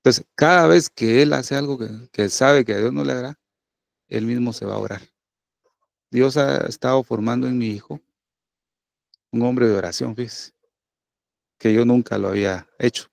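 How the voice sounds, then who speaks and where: A middle-aged pastor preaches in a friendly, conversational way, checking in with his listeners again and again. His voice has a gravelly edge and sits at an ordinary pitch for a man. The sound is close and dry, with almost no room around it. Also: a little mellow, dry recording. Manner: conversational preaching with many tag questions. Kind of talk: sermon.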